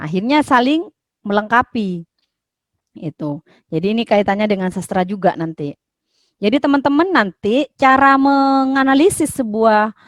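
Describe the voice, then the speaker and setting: A woman's voice: fairly high pitch, no echo. A woman from Indonesia giving a university lecture, explaining patiently with frequent fillers and restarts.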